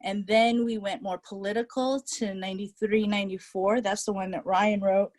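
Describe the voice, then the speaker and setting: A middle-aged woman from California looks back on her college days over a video call. She talks in an everyday middle register, often pausing with ums and starting sentences over. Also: mid-range voice, steady tone, darkish tone. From California, United States. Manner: hesitant, many ums and restarts. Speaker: alumni panelist. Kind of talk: casual reminiscing on a video call.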